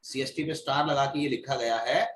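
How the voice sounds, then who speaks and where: A man's voice: mid-range voice, fairly even intonation, fairly quick, fairly bright tone, slight background noise. A man teaching a tax course, explaining step by step and checking in with his class. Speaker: GST course instructor. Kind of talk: classroom lecture. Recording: echoey room, mic at a distance.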